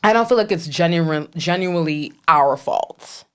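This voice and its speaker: Animated woman in her thirties. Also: fairly low pitch, moderate pace, clean tone. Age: 30s. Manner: animated storyteller, acts out quoted voices. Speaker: podcast co-host. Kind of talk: casual podcast chat.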